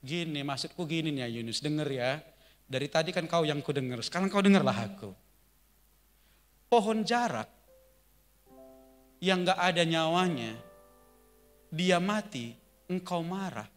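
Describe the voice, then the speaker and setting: A man voicing God as a patient, fatherly figure who reasons calmly and then pleads with urgency. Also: on the high side, measured pace, long pauses, faint music behind. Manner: calm and teasing, growing urgent and impassioned.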